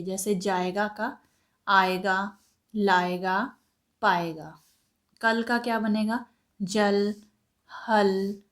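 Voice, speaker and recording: A woman teaching a school textbook lesson, reading lines aloud and then explaining each word slowly and deliberately. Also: mid-range voice.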